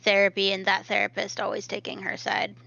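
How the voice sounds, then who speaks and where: A woman with a gravelly, bright voice talks bluntly on a podcast. Her sound comes through a dull, lo-fi mic. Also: mid-range voice, completely flat delivery, fairly quick, no room sound. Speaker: podcast guest. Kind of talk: casual chat.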